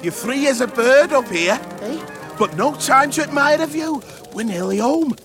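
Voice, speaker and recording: A man voicing a cheerful, friendly flying beetle who talks in a slangy, excitable way. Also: high voice, moderate pace, voice pushed up. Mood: chirpy. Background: music.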